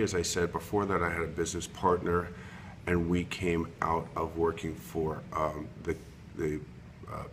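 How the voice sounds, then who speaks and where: A man in his fifties from Long Island, an interior designer giving an unrehearsed self-recorded video introduction. He talks haltingly, full of ums and restarts, into a computer webcam mic. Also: very deep voice, a bit bright, slight background noise. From Long Island, New York.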